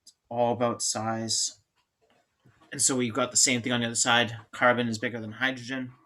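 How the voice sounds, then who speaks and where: A man's voice: medium pitch, level tone, moderate pace, sharp tone. A man lecturing on chemistry in an informal, joking way, thinking aloud and restarting sentences. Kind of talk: classroom lecture.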